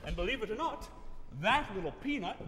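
A man's voice: high-pitched, expressive, fairly quick. A man playing a doting old army sergeant. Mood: fond. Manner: warm teasing storyteller, blustery when alarmed. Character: gruff fatherly older army sergeant, doting and protective. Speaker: opera singer-actor. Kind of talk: spoken opera dialogue on stage. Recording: echoey hall from off-mic, with music.

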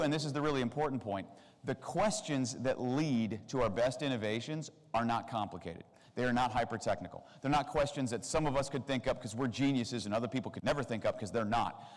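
A man in his forties giving a comedic keynote talk on a convention stage, animated, with sarcastic asides and big jumps in pitch. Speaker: keynote speaker. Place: large convention hall stage. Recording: long hall reverb.

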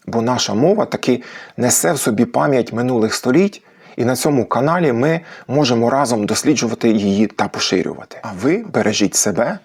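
A man hosting a language channel, patiently explaining language history and slowing down to stress each example word. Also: medium pitch, darkish tone, breathy edge. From Ukraine. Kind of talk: educational talk on language history.

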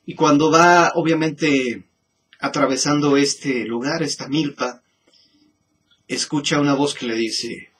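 A man with a Mexican accent and a slightly high, husky voice muses slowly through a spooky legend. He pauses, doubles back and restarts his sentences as he thinks aloud. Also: fairly even intonation, a bit bright. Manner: musing, halting, frequent restarts. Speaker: host. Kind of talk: storytelling commentary.

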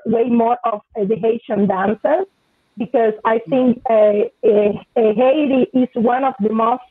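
A woman who researches dance, speaking thoughtfully on a video call, pausing often with "uh". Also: fairly high pitch, husky, no echo. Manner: thoughtful, hesitant with many "uh"s. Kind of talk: panel discussion on video call. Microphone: laptop mic on video call. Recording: dry tinny phone-like audio.

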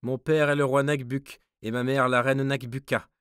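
Give me a shrill, impish old court dwarf, as a male narrator puts him on, crying out sharply. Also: flat delivery, moderate pace, fairly bright tone, clean tone, no echo, studio quality, lightly acted.

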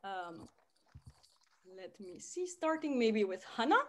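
A woman from Romania chairs a debate over a video call, friendly and measured, pausing on fillers. Her voice sits a little high. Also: very animated, a little hiss or hum.

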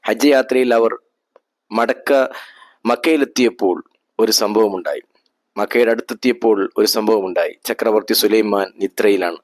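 A man tells a historical story in a measured, steady way. His voice is fairly low, and the recording is dry and close, with no room sound. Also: no room sound, rough recording. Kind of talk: scripted narration of a historical story.

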